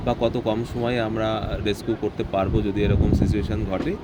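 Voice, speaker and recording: A man's voice: fairly low pitch, flat delivery, a little fast. A man giving an explanatory official briefing outdoors, mixing in English terms. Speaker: district administration official. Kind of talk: press briefing to camera. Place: outdoors at a festival site. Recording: loud outdoor ambient and vehicle noise.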